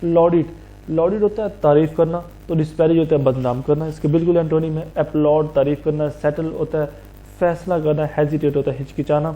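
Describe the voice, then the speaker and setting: Guy going thru vocab words one by one, really dark mellow tone, bit high, faint hum behind. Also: steady tone, highs cut off. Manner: explains each word slowly, asking and answering himself. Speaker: teacher. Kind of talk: vocabulary lesson.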